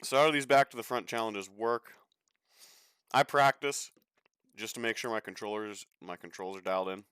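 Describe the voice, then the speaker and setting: A man's voice: lowish voice, fairly even intonation, normal speed, fairly bright tone, clean tone, dry recording, studio quality. A young man casually talking through a sim racing live stream, chatty and swearing freely with an offhand joking manner.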